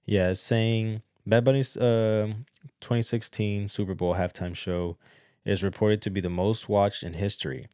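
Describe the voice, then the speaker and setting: Very deep-voiced chatty man, dry close sound. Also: unhurried, no echo. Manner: chatty, repeats words, excitable bursts. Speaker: podcast host. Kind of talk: casual solo commentary.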